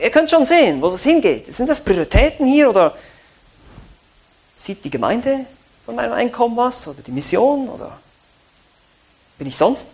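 A man's voice: high voice, husky. A pastor preaching a sermon, earnest and asking his listeners many searching questions.

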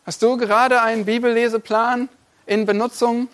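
High-voiced male preacher. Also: level tone, normal speed, a bit bright. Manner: emphatic direct address to the listener; builds repeated lists. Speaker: pastor. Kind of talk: sermon.

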